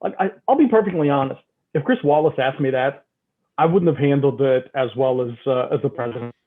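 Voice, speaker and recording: A man co-hosting a casual political chat podcast. He talks in an animated way, often tags "right?" onto his sentences and repeats words when he gets worked up. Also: mid-range voice, brisk. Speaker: podcast co-host. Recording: tinny phone-like line.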